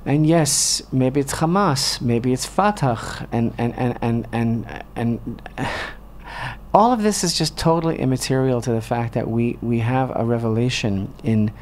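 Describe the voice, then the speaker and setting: Talk radio host, male, mid-pitched, impassioned commentary, indignant rhetorical questions, studio read. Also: a little slow, darkish tone, slight background noise.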